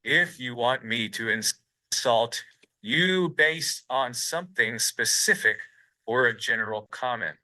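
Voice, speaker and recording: Synthetic male robot voice, very bright and tense, stiff and formal delivery in an interview. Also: mid-range voice, low-quality recording. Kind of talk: stiff scripted answers.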